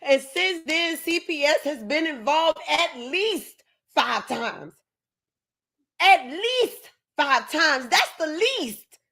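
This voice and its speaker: A woman's voice: sits high, lively intonation, takes it slowly, bright, forceful tone. A woman hosting a commentary video, talking straight to her viewers and driving her points home with repetition. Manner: emphatic, keeps repeating herself for stress. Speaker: commentary host.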